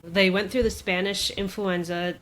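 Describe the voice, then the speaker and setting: A woman's voice: medium pitch, steady tone, normal speed, fairly bright tone. Chatty woman retelling a story. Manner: chatty retelling, peppered with "like" and laughs. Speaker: podcast co-host. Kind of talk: casual chat.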